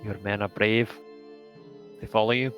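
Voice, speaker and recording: Earnest soldier, a man in character, measured and low, over a glitching, cutting-out mic, music faint underneath. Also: fairly even intonation, highs cut off. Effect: mic cutting out, glitching audio. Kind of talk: tabletop roleplay in character.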